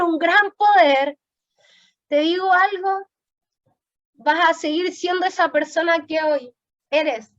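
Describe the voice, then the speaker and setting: A woman's voice: extremely high pitch, fairly bright tone, highs cut off. A woman preaching a sermon, telling an emotional testimony.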